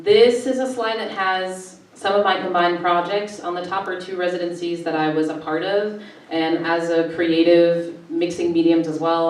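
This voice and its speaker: A woman in her forties talks casually through her slides as a filmmaker on an art panel. Her voice sits low, and it is picked up from across a very echoey gallery room. The sound is distant and reverberant. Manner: relaxed, conversational, presenting slides. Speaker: panelist, filmmaker and festival director.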